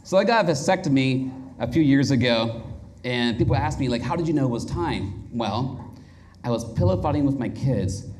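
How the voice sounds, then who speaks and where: A male stand-up comedian delivering dark, deadpan one-liners on a comedy stage before a live audience. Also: medium pitch, normal speed, a little hiss or hum.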